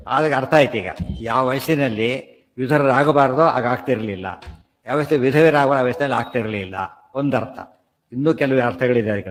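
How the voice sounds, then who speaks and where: Man, scripture teacher, conversational lecture, slow chanting of verses, mid-pitched voice, long hall reverb. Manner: conversational, asks "understood?" often. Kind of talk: Sanskrit verse commentary lecture.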